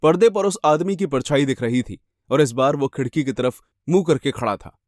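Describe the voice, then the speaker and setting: A man's voice: medium pitch, moderate pace, darkish tone, no echo, studio quality. A man reading a first-person horror story with dramatic, suspenseful delivery.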